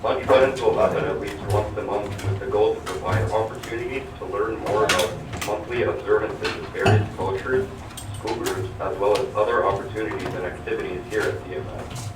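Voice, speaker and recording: A man's voice: fairly low pitch, fairly even intonation, brisk. A man reading morning announcements over a school intercom, steadily listing names and notices. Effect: over a school intercom loudspeaker. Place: classroom hearing the intercom. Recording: echoey loudspeaker heard from far off with background noise.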